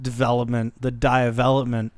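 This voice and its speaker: A man's voice: medium pitch, little pitch movement, a little fast, no echo, clean studio sound. A man co-hosting a casual anime discussion podcast, enthusiastic and swearing freely. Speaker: podcast co-host.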